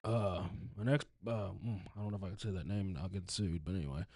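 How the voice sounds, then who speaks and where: A man's voice: low-pitched, fast, warm tone, no room sound, studio quality. A man, a podcast co-host and tow truck driver, telling work stories in crude casual chat full of swearing.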